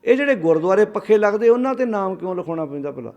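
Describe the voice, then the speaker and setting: A man's voice: sits high, animated, quick pace, a little mellow, lo-fi sound. A man giving a Sikh sermon, asking rhetorical questions and calling on the congregation to answer aloud. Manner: calls on the audience to answer aloud. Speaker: Sikh preacher.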